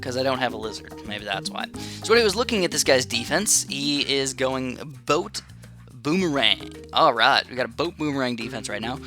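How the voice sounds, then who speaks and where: A gaming channel host with a medium-pitched, expressive voice rambles casually through gameplay at normal speed, full of fillers and restarts. Game music plays beneath him.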